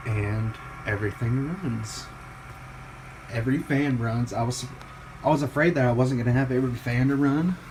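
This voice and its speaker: At a normal speed and medium pitch, a worn-out young PC hobbyist vlogs his build over background noise. His show-and-tell is casual and off the cuff, full of rambling, frequent swearing, and self-mockery.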